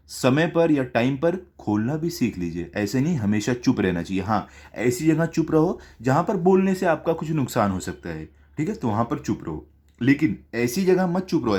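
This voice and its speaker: A man's voice: medium pitch, darkish tone. A man teaching a school class, explaining a poem line by line. He asks questions and answers them himself, often checks in with his students, and mixes English words into his speech. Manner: keeps checking in with "okay?".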